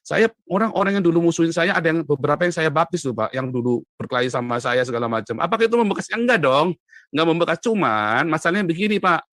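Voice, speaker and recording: A man giving an animated interview testimony as an evangelist, emphatic and often rising sharply in pitch and loudness, addressing the host respectfully. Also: fast talker, dry recording. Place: Europe.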